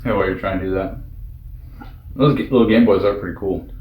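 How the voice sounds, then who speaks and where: A man co-hosting a casual podcast, soft-spoken, laughing often and giving short replies. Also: deep voice, brisk, highs cut off. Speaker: podcast co-host. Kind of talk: casual chat. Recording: roomy echo.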